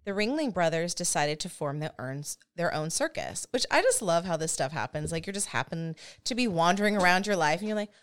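A woman in her thirties hosts a podcast, her voice low and lively in intonation as she speaks briskly with few pauses. She tells a history story in a chatty, self-deprecating way, laughing often.

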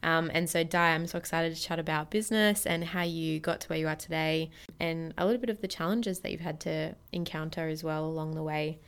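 A woman's voice: low voice, fairly even intonation, smooth. A woman with an Australian accent hosting an interview, prompting her guest in an encouraging, upbeat way. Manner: encouraging, prompting, quick to laugh. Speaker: podcast host. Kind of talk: casual interview chat.

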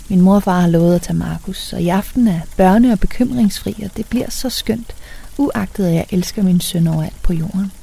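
A woman's voice: on the low side, vocal fry, dark tone, husky. A young adult woman reading a first-person story aloud in a conversational way, lightly acting out the dialogue. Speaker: audiobook narrator.

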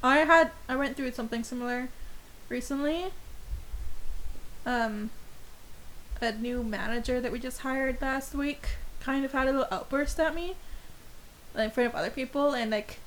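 A soft-spoken woman in her twenties chatting frankly, laughing often. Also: high-pitched, moderate pace, pauses often, slight background noise. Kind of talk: casual chat.

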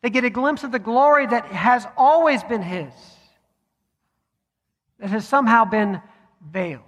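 Man, pastor, sermon, high voice, long reverb in church. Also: lively intonation. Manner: measured, with deliberate pauses. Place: church sanctuary.

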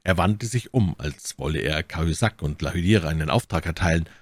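Deep voiced guy reading an old adventure novel aloud, steady, dry audiobook sound. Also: brisk, dry recording. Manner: steady, storytelling. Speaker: audiobook reader. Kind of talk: scripted narration.

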